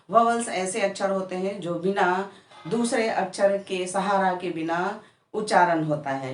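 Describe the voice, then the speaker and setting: Slow-speaking woman teaching, roomy echo. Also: on the low side, recorded from a distance. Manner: slow, patient explaining with spelled-out letters. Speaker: English teacher. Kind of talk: explanatory lesson.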